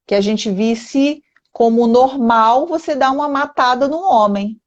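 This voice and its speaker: Brazilian woman therapist hosting a live chat, earnest and emphatic, kinda high voice, muffled lo-fi audio. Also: a little slow. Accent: Brazilian Portuguese. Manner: earnest, emphatic, with frequent "né?" tags. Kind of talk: casual live-stream interview.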